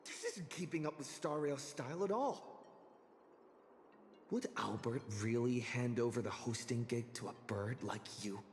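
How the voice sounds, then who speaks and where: A man's voice: mid-range voice, measured pace, big-room sound, a little hiss or hum, close to an everyday voice. An actor playing a stern male challenger in a game, demanding and suspicious.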